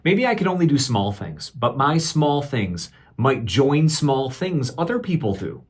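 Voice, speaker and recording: Man, teacher reading aloud, children's storytime, very animated pitch, husky edge, instructive. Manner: expressive, deliberate, instructive. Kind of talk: storytime read-aloud with questions to listeners.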